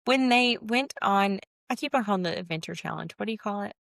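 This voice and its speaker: A woman's voice: medium pitch, animated, brisk, creaky, fairly bright tone, no echo. A woman co-hosting a podcast, chatting casually and making blunt, emphatic points. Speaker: podcast co-host. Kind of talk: casual chat.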